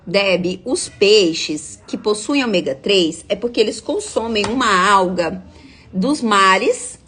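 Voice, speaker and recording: A young adult woman, her voice a bit high and husky. She explains nutrition like a nutritionist on a live stream, stopping often to check that her viewers are following. She also answers her viewers' comments as she goes. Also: a bit bright. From Minas Gerais, Brazil. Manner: explanatory, checks in with frequent tag questions.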